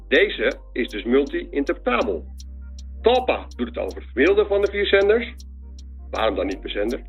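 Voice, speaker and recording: Man leaving a lively voicemail message. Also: mid-range voice. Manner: lively, rattling off industry jargon and questions. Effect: played-back voicemail message. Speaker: media industry caller. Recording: dull lo-fi voicemail with faint music.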